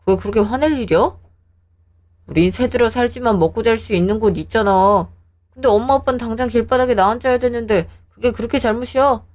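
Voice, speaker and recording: A woman's voice: fairly high pitch, brisk, a little mellow, lightly acted. A woman voicing a defensive, hot-tempered young husband who talks in a sneering, combative way.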